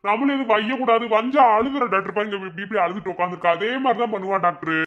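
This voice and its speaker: A flustered young husband, as someone acts him out, complains in quick, exasperated bursts. His pitch sits in a middle range, in an amateur family skit. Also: muffled recording, close to an everyday voice. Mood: exasperated, fretful.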